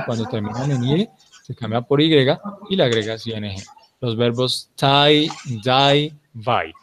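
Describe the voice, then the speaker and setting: A male teacher gives a grammar lecture in an ordinary mid-range voice, with a faint hiss behind him. He explains step by step and repeats the key points. He keeps stopping to check that the class has understood. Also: mid-range voice. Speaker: English teacher.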